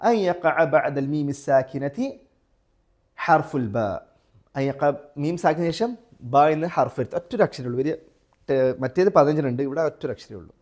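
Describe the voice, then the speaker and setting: A man's voice: a little high, a little mellow. Malayali man teaching a tajweed class. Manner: asks students questions, then chants Quran examples slowly. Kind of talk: live class lesson with students.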